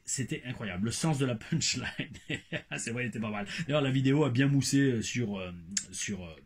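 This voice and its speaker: Husky, animated French-speaking man. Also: mid-range voice. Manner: animated, digressive, emphatic asides. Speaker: wrestling reviewer and former wrestler. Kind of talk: casual vlog review.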